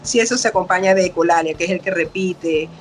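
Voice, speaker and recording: A middle-aged woman doctor, appearing as a guest expert in a casual interview, explains things patiently in a lowish, fast voice. She acts out what parents and children say as she walks through her explanations.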